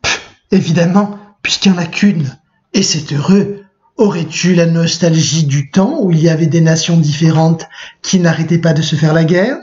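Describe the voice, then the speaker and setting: A man reading aloud the lines of a calm, persuasive young woman from a novel. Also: fairly high pitch, normal speed, lightly acted. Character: young woman, Kate, defending her orderly world. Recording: muffled lo-fi recording.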